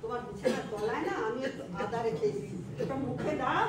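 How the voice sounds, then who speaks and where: A woman's voice: a little high, fairly quick, very noisy, natural voice. A woman acting in an amateur stage play as a caring woman who coaxes and fusses over a crying loved one, recorded from far off in a theatre hall. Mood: coaxing. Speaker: stage actor.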